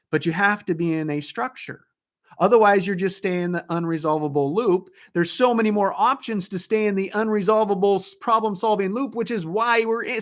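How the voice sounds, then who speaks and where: A man coaching an audience in a motivational talk, speaking emphatically and posing rhetorical questions. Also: sits high. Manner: emphatic, asks rhetorical questions, acts out inner thoughts.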